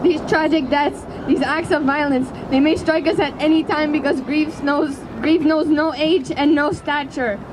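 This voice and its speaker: A woman giving a prepared speech as an activist at a rally, speaking in an earnest, impassioned, deliberate way. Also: sits high, fairly even intonation. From Canada. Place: outdoors in a city square. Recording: outdoor public square with city traffic noise.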